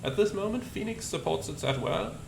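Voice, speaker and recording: A man's voice: high voice, brisk, vocal fry. A man presenting a flight simulator as a pilot, explaining procedures and reading back radio calls. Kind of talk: explanatory commentary with radio readbacks. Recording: roomy sound with steady cockpit noise.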